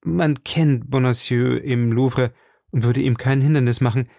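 A man's voice: mid-range voice, fairly even intonation, measured pace, gravelly, warm tone, no echo, studio quality. A man voicing a frightened young woman in hiding, pleading urgently with her rescuer in a raised voice. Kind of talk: audiobook character voice.

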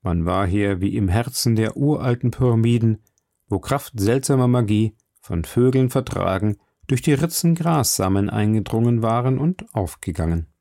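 A man narrating a literary story in the first person, in a measured, somber reading. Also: lowish voice, lively intonation, vocal fry, warm tone, no echo, studio quality. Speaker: audiobook narrator.

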